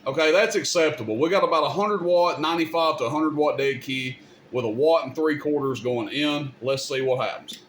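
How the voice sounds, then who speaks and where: Showing off CB radio equipment in a relaxed, hands-on demonstration, a man addresses viewers directly with folksy, informal talk. He speaks briskly in a slightly high voice, with a bit of background noise.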